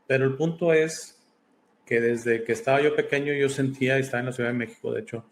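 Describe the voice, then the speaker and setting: Born in Italy and raised in Mexico, this man hosts a podcast but appears here as a guest over a video call, chatting casually in an interview. His medium-pitched voice stays steady and runs a little fast, and he sounds thoughtful and hesitant, using many fillers. A slight hiss or hum sits under the audio.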